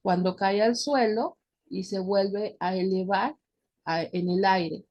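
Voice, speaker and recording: A woman's voice: mid-range voice, takes it slowly, dull audio. A woman with a Mexican accent teaching a recorded lesson, explaining patiently and checking in with her students as she goes. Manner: addresses students directly. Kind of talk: recorded class lecture.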